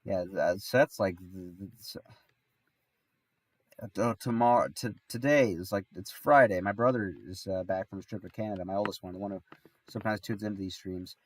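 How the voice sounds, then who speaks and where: A sick, stuffy-nosed man rambling through a casual story on his livestream, starting over again and again. His voice sits fairly low. The sound is dry and a little off-mic. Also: moderate pace, no room sound, far from the mic. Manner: rambling, with many restarts and fillers. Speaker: streamer.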